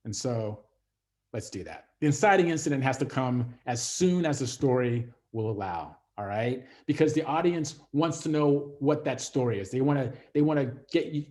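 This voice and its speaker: A man gives a masterclass lecture in a loose, conversational way, with plenty of fillers and restarts. His voice is mellow and relaxed, at an ordinary middle pitch. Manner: acts out quoted voices. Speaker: instructor. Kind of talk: masterclass lecture on series writing.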